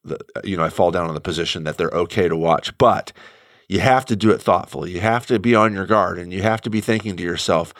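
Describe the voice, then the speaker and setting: A man's voice: low-pitched, fast, a bit bright, no room sound, studio quality. A middle-aged man talking through ideas as a guest, thoughtful and searching, with frequent restarts. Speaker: guest commentator. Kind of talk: conversational radio talk.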